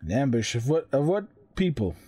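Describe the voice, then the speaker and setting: A man's voice: mid-range voice, big pitch swings, fairly quick, warm tone, breathy edge, no room sound, studio quality. A man playing a tabletop role-playing game, negotiating casually in character in his everyday voice.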